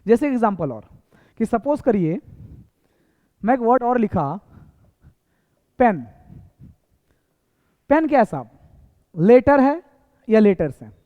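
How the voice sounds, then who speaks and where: A man's voice: very high voice, sing-song, takes it slowly, pauses often, dark tone. A man teaching a basic English lesson, repeating points and asking rhetorical questions. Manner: repetitive, quizzing with rhetorical questions. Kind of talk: classroom lesson. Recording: echoey hall, tinny phone-like sound.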